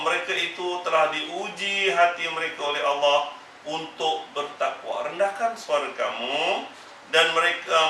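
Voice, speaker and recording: A man's voice: fairly high pitch, sharp tone, a little hiss or hum. Emphatic man teaching in an echoey room. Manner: emphatic, repetitive admonishing. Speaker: religious teacher. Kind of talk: Quran exegesis class. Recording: echoey room, mic far off.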